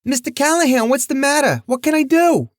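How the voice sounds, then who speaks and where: A nervous young waitress, as a male narrator puts her on, her voice pushed up high and thin. She stammers and hurries to please, reaching well above the reader's own low register, in a close, dry audiobook read. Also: lively intonation, brisk, dry recording. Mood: flustered. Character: timid young female diner waitress.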